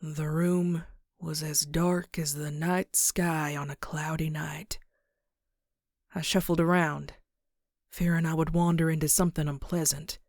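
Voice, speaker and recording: Recorded dry in a clean studio, a woman's low voice barely moves in pitch as she plays a dread-filled pony narrating a horror tale for a comic dub. She goes slow and suspenseful, dipping into hushed, breathy whispers.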